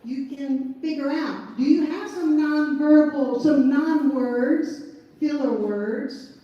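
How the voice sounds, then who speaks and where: Echoey, folksy woman with deep Southern accent. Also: slow, muffled recording. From southern United States. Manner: folksy, emphatic, repeats check-in tags like okay and all right. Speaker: motivational business trainer. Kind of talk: informal motivational presentation to a group. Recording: echoey room, distant mic, faint noise.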